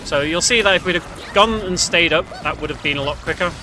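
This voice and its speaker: A man with a slightly high voice speaks briskly while commentating on his speedrun, casual and a bit hesitant, correcting himself often. The audio is poor, with game music and sounds in the background.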